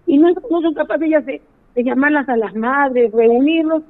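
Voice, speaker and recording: The caller is a middle-aged woman whose voice sits high and moves at a normal speed. She phones a radio show to complain, relating her story indignantly and pleadingly through a tinny phone connection.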